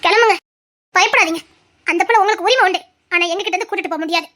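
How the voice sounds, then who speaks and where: A woman's voice: very high-pitched, racing, pushed and bright. A woman voicing an emotional, devoted young village wife in a cartoon, pleading and tearful, with a Tirunelveli Tamil accent. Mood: indignant. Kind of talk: cartoon voice acting.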